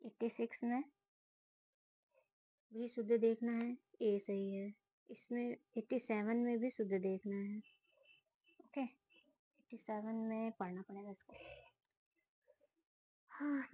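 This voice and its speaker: Woman briskly checking exam answers aloud. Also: fairly high pitch, steady tone, warm tone, rough recording. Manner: reads options aloud, then quick verdicts. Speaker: student solving a test series. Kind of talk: casual spoken walkthrough of exam answers.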